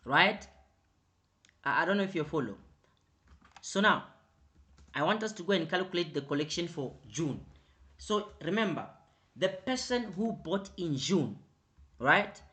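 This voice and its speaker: A man teaching an online accounting revision class, repeating his prompts and growing louder and more emphatic as he explains. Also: on the high side, expressive. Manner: repetitive, prompting with "right?" and "quickly". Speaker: accounting tutor.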